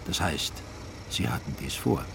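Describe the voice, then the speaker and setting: A man narrating a literary text in a measured, ironic storytelling manner. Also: rumbling low, animated, vocal fry, background noise. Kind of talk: literary radio reading.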